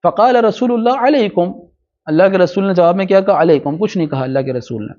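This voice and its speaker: A man with a fairly high voice gives a hadith lecture. He recites the Arabic text slowly and then explains it in quick asides, often asking his listeners questions. The recording sounds dull and lo-fi. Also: dark tone. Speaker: religious teacher.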